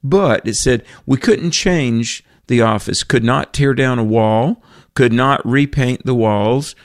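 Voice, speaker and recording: Speaking slowly and earnestly at a middle pitch, a man takes part in a conversational faith talk on the radio. Scripture quotes, frequent fillers, and restarted sentences mark his speech, and the audio is dry and close with no room sound.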